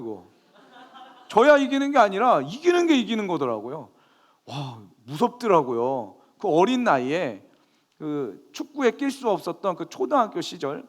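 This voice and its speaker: A man pastor preaching a sermon, telling a story with lively bursts of raised emphasis. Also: high voice.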